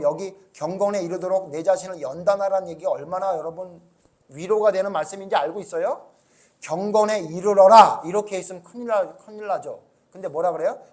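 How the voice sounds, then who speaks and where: A male pastor preaching a sermon who keeps asking the congregation questions and swings between soft, low asides and loud, emphatic outbursts.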